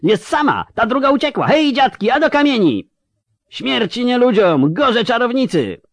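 A man voicing a rabble-rouser in a crowd, yelling in a ringing, metallic voice to rally people in a storybook reading. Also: very high voice, sing-song, moderate pace, no room sound, voice pushed up, full character voice.

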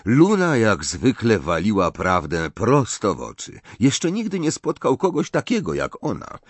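A man narrating a novel in an expressive storytelling manner, switching into many voices. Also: lowish voice, a little slow, breathy edge, no echo. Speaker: audiobook narrator.

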